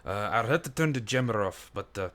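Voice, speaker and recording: Guy doing a blunt contact w a made-up accent, deep voice, tabletop game. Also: lively intonation, a little fast, a bit bright. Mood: matter-of-fact. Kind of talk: voicing a character in a tabletop game.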